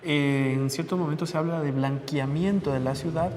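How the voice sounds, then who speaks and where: A man's voice: fairly high pitch, fairly even intonation, moderate pace, darkish tone, slight background noise. Man in a reverberant room. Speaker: interviewee. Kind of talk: documentary interview.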